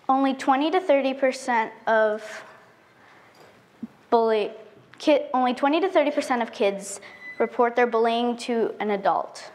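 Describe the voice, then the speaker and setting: A teenage girl delivers a prepared talk from an auditorium stage. Her voice sits slightly high and her delivery is careful and earnest. She is picked up by a stage mic at some distance. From United States. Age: teen. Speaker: student speaker.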